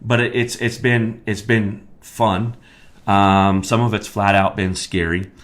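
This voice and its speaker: An American man hosting a live stream as a county commissioner, talking emphatically and getting worked up, then speaking in a halting way with many fillers. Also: on the low side. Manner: worked-up, emphatic, rising to near-shouting; many fillers and restarts when calmer. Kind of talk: live-streamed political talk.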